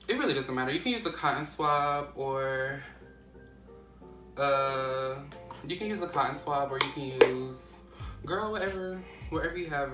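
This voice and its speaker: A woman's voice: sits low, a bit bright, roomy sound, distant mic. A young woman vlogging a casual how-to, chatty and rambling, full of fillers and restarts. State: out of breath.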